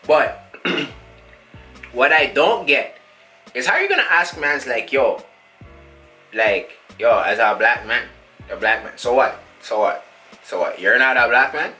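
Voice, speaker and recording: A man's voice: mid-range voice, pushed and bright, rough recording. A young man, playing a cocky street rapper who rambles in thick slang and caps every thought with a filler tag. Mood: indignant. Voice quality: slang-heavy rambling with endless filler tags. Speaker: musician being interviewed. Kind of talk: comedy sketch.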